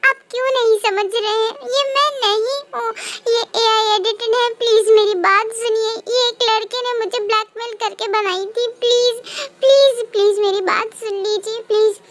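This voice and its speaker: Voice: very high-pitched, fairly even intonation, measured pace, a bit bright. A woman reading a tearful, stammering young bride. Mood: tearful pleading.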